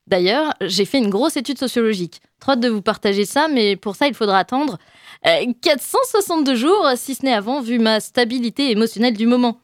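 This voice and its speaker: A young woman delivering a comic chronicle in a chatty, self-mocking way, full of quick asides to her listeners. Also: on the high side, no echo, clean studio sound. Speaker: radio columnist. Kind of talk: comic monologue column.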